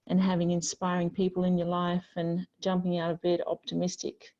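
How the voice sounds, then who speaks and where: A woman teaching a yoga class, guiding students slowly and gently with soothing pauses. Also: fairly low pitch, highs cut off. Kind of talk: guided yoga class instruction.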